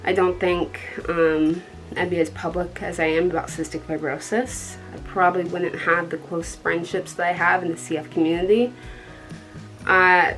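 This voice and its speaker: Rambling and relaxed, a young Colorado vlogger chats to the camera with lots of ums and gentle laughter. Her lowish voice carries a dark tone, and the audio quality is poor.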